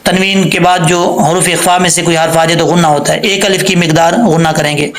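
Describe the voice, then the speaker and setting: A man teaching Quran recitation rules, spelling out letters and vowel marks and then reciting words slowly and drawn out, sometimes asking and answering his own questions. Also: on the high side, fairly even intonation, fairly bright tone, roomy sound, slight background noise, poor audio. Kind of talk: tajweed lesson with slow demonstrations.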